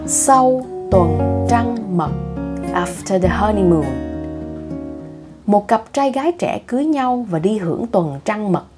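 A woman's voice: medium pitch, expressive, takes it slowly, a little mellow, soft background music. A woman narrating short funny stories in an audiobook, reading each line twice, in two languages. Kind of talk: slow bilingual story reading.

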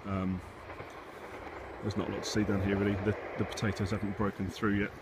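Filming on a handheld phone or camera, an Englishman rambles casually through a tour of his allotment and polytunnel, low-key and slightly hesitant as he thinks aloud. He talks fairly quickly in a level tone, and wind and background rumble come through clearly.

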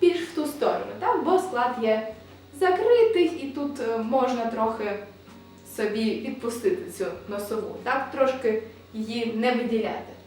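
High-voiced woman teaching in an echoey room. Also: expressive, normal speed, a little mellow, distant mic, faint music behind. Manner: patient, explanatory, often checks with "так?". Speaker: Polish language teacher. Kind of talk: video language lesson. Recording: echoey room, voice a bit off-mic.

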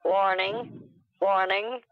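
A man voicing a glitching robot that keeps repeating warnings and errors in a monotone. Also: high-pitched, takes it slowly, no room sound, phone-quality sound. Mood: robotic.

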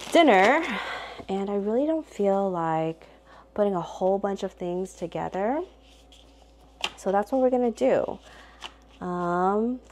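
A woman's voice: on the low side, darkish tone, slight background noise. A woman and mom talking casually to camera in a rambling, chatty vlog with lots of fillers. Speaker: vlogger and mom.

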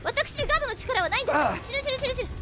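A woman streaming a video game with excited commentary, frantically repeating words and screaming, yet using polite, ladylike phrasing. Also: very high voice, rapid-fire, heavy background noise. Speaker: game streamer, virtual character host. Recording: loud game audio behind the voice. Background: video game music and effects.

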